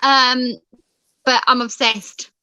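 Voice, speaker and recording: A woman's voice: sits high, little pitch movement, slow, sharp tone, dry recording, lo-fi sound. A woman chatting casually about books, gushing, laughing often and swearing freely. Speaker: book club host. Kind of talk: casual book chat.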